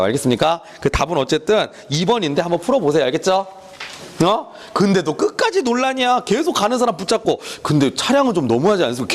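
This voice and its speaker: Lively, fast-talking male lecturer. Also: high-pitched. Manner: animated, teasing, acts out student back-and-forth, keeps checking with listeners. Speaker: fire law lecturer. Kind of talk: online exam-prep lecture.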